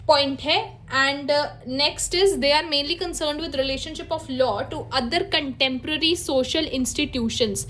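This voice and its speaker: High-pitched woman teaching law, goes over each point again and again. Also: fairly bright tone, a little hiss or hum. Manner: explains by repeating points, reads English notes slowly. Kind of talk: lecture in mixed Hindi and English.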